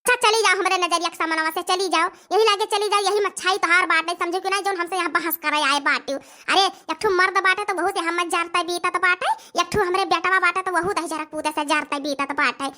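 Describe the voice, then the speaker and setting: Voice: extremely high pitch, steady tone, brisk, hardly any pauses, sharp tone. A performer voicing a grumbling, bossy elderly village mother-in-law in an Awadhi cartoon comedy, ranting and scolding. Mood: furious. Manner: scolding, complaining rant.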